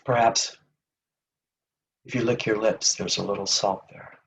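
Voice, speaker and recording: Leading a guided meditation, a man speaks in an unhurried, gentle, soothing way, letting long pauses fall between his phrases. His voice is on the low side and creaky, with fairly even intonation, and he is far from the microphone.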